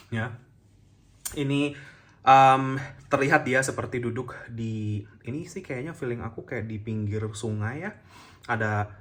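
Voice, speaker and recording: Soft-spoken low-voiced man reading tarot. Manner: gentle, chatty, many fillers and soft laughs. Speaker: tarot reader. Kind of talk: casual tarot reading to camera.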